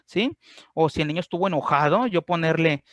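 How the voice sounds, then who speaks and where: Man, Mexican Spanish accent, chatty teacher voice, fairly high pitch, dry close sound. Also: animated, a little fast, dry recording. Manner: chatty, constantly checks in with listeners. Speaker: teacher giving a class on grief. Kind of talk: informal online class talk.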